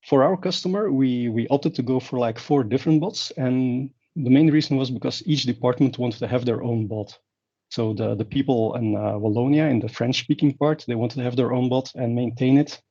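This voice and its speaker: This conference speaker from Belgium, a first-language Dutch speaker, has a dark mid-range voice and a moderate pace. He rambles, leaning on fillers and starting sentences over. The sound is flat and lo-fi.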